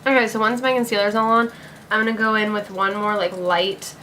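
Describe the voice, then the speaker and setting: A woman's voice: mid-range voice, level tone, fairly quick, sharp tone, a little hiss or hum. Chatty young woman doing a makeup tutorial. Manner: chatty, upbeat, lots of "like" and "gonna". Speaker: beauty vlogger. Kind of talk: casual makeup tutorial talk-through.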